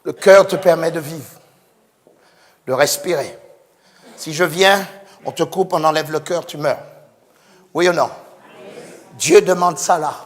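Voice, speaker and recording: A male pastor preaching a sermon fervently, swinging from hushed tones to shouts. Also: a little high, unhurried, pauses often. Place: church. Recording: echoey church hall with congregation.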